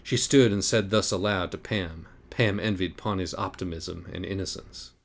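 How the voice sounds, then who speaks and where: A man narrating an audiobook in a deadpan manner. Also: sits low, normal speed, creaky. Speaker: audiobook reader.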